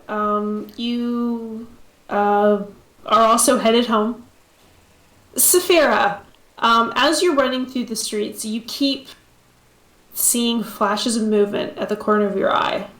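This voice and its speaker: A woman narrating as game master of a tabletop game, unhurried, with frequent ums and easy laughter. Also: on the high side, a bit bright. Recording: echoey room.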